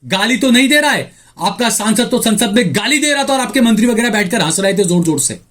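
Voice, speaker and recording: Brief: male political commentator, higher voice, biting sarcastic indignation. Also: animated, brisk, a bit bright. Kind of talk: opinion commentary.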